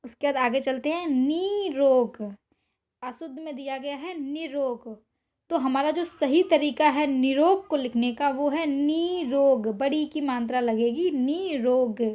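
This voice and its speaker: A woman teaching an exam-prep spelling lesson, who slowly repeats each word and keeps reminding her students to remember it. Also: high-pitched, dull audio. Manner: repetitive, drawn-out spelling of words.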